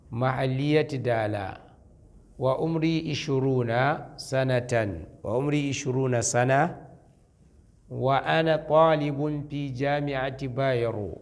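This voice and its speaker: A man, a Hausa speaker, teaching an Arabic lesson. He repeats each phrase slowly and then explains it. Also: mid-range voice, darkish tone. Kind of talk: classroom-style language lesson.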